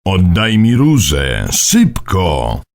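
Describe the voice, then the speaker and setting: A man voicing a stern, mysterious old man who speaks low, slow and insistent. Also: wildly swooping pitch, vocal fry, a little hiss or hum, exaggerated voice.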